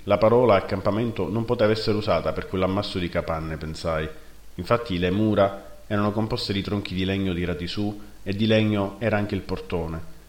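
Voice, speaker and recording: Deep-voiced man reading a fantasy tale. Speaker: narrator. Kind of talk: first-person fantasy story reading. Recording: roomy echo.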